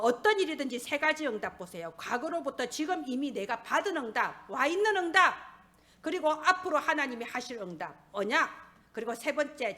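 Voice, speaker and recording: A middle-aged woman pastor, preaching a sermon in an animated, humorous storytelling way. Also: high-pitched.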